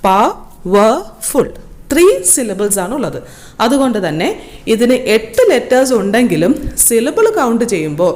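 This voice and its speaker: A woman's voice: a little high, a little mellow. A woman with a Malayali accent giving a patient, step-by-step English grammar lesson over slides. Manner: patient, explains step by step with worked examples.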